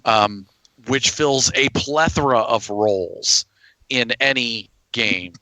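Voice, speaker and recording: A man's voice: medium pitch, slow, pushed and bright, dry recording, low-quality recording. A man hosting a podcast, talking in a casual, conversational way. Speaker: podcast host. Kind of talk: casual chat.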